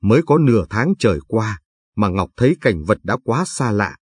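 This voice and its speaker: A man narrating a literary novel in a steady, descriptive storytelling manner. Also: on the low side, moderate pace, breathy edge, dry recording. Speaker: audiobook narrator. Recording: dry studio read, faint music.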